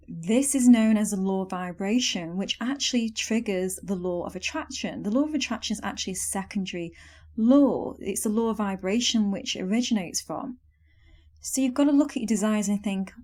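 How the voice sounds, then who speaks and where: A young woman hosting a solo podcast, speaking in an earnest, coaching tone with soft self-help phrasing. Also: medium pitch. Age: young adult. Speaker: podcast host. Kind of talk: scripted solo podcast talk.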